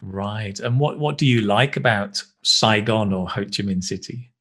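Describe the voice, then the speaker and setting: A man who is an English teacher. He interviews a student over a video call and then breaks down the language, praising it warmly and slowing down to stress key words. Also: fairly low pitch. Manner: upbeat, praising, explains slowly with emphasis.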